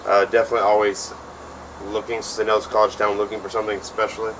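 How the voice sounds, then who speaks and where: A man's voice: fairly low pitch, completely flat delivery, fast talker. A man in his twenties from Texas, a recent college graduate giving brief interview answers. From Texas, USA. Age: 20s. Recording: noisy background.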